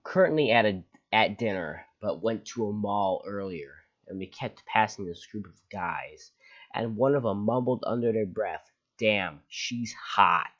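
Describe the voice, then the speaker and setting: Man, low voice, reading online posts aloud, sarcastic asides, dull lo-fi sound. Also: animated, moderate pace. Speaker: channel host.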